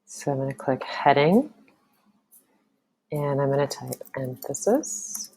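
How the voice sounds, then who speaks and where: A woman teacher narrates a screen-recorded tutorial in a relaxed, thinking-aloud way, full of ums. Her voice sits extremely low with a rough, gravelly edge. She takes her time, speaking at an unhurried pace. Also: slight background noise.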